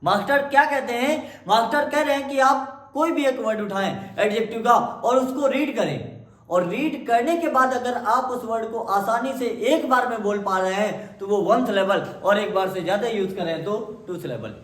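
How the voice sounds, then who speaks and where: High-voiced teacher in echoey room. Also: male voice, moderate pace, a bit bright. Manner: asks questions and answers them himself; repeats key words for emphasis. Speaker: English teacher. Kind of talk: classroom grammar lesson in Hindi.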